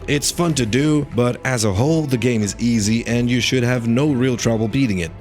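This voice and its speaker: A man's voice: medium pitch, normal speed, a little mellow. A man narrating a scripted video game review in an opinionated, critical manner. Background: faint background music.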